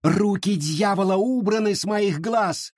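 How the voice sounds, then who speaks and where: A man voicing a hysterical young village girl who wails and shouts her accusations. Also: a little slow, no room sound, studio quality. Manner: wailing, shrill, shouting.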